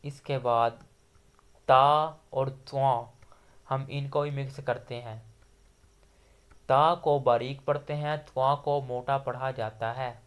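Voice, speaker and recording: Patient man teaching letter sounds slowly. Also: medium pitch, steady tone, smooth. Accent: Pakistani Urdu. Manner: patient, explains letter sounds step by step, drawing out example letters. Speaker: Quran recitation teacher. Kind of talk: slow explanatory lesson.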